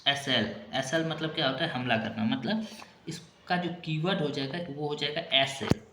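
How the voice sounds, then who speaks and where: A man teaches exam vocabulary in a classroom style, repeating each memory trick several times and dropping in short check-in asides. His voice echoes around a room, and there is clear noise behind it. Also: a little high, normal speed, pushed and bright. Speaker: exam-prep English teacher.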